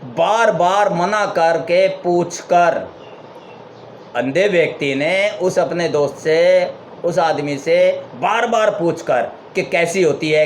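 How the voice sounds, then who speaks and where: A man giving a spiritual talk, retelling a parable step by step and stopping to ask his listeners questions. His voice sits a little high for a man. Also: a little hiss or hum. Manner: explains by retelling and rhetorical questions. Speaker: spiritual speaker.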